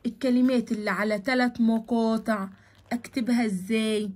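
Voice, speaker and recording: A woman with an Egyptian Arabic accent explains a children's English lesson in a high, breathy voice. She draws the English words out slowly and then explains them quickly in Arabic. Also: fairly even intonation, darkish tone. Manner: switches between Arabic explanation and slow, drawn-out English words. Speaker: English teacher.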